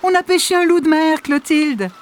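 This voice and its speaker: A woman voicing an excited, fond old grandmother in a children's audio storybook. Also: very high voice, unhurried, slight background noise, pitched above the performer's own voice. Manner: exclaiming, fond.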